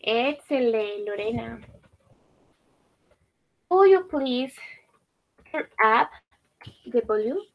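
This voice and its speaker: A woman's voice: a little high, animated, very slow, creaky, long pauses, highs cut off. A woman teacher leading a class, patiently repeating and praising student answers.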